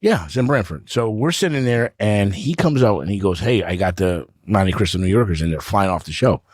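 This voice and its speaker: A man's voice: fairly low pitch, brisk, no room sound, clean studio sound. A man from Connecticut telling a profane story on a podcast, swearing constantly and acting out the lines of the people in it. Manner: animated, swears constantly, acts out quotes. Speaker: podcast co-host. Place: cigar lounge bar.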